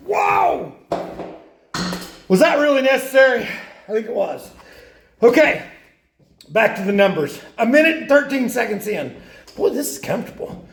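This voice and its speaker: A man who is a real estate agent, talking casually and jokily about farm numbers from inside a steel milk tank. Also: fairly bright tone. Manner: folksy, self-mocking, jokey. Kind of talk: casual video monologue. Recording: boomy echo inside a metal tank.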